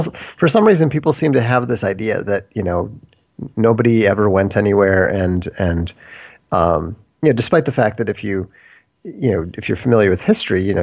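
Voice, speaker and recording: Low gravelly guy from minnesota, rambling casual chat as a guest. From United States, Minnesota. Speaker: interview guest. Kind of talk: casual discussion.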